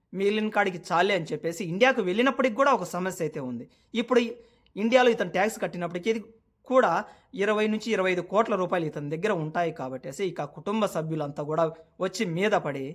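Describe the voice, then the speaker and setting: A man vlogging in a casual, chatty way, retelling a news story and calling his viewers brother, with lots of filler words. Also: high voice.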